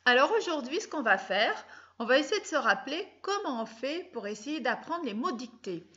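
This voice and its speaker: A woman's voice: sits high, very animated, normal speed, a bit bright, highs cut off. A woman teaching children a spelling lesson, speaking patiently, spelling out letters and sounds and often adding a little "hein". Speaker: primary school teacher.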